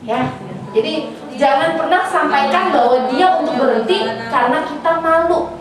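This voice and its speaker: Woman giving a parenting talk, high pitched, super echoey hall, crowd around. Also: moderate pace. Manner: lively, acts out child and parent voices in examples. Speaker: parenting seminar speaker. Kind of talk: seminar talk answering questions. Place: preschool seminar room. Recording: echoey hall, from far off, with audience.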